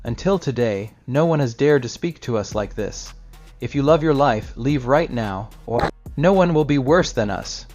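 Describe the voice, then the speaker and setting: A man's voice: mid-range voice, animated, normal speed, natural voice. A man voicing menacing, mocking village bullies who threaten the old man. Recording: slightly dull recording with soft music.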